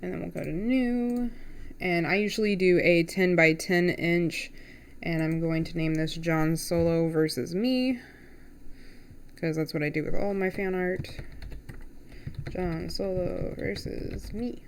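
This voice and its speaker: Gravelly low-voiced young woman rambling. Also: unhurried. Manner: rambling, chatty, talks to herself as she works. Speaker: artist live-streaming a drawing. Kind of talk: casual live-stream chat while drawing.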